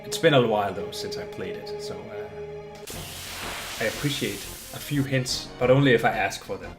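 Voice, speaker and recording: A native Danish speaker from Denmark chats politely and casually on a live stream while gaming, often restarting his words. His voice is fairly low in pitch at a normal speed, with game music playing in the background.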